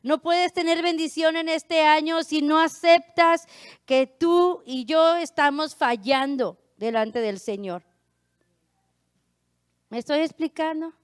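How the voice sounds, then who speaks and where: A woman pastor with a northern Mexican accent preaching a sermon, hoarse and pushing her voice out, often asking her congregation "right?". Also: sits high, slow, dry recording, studio quality. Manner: raises her voice to be heard, frequent rhetorical "¿verdad?".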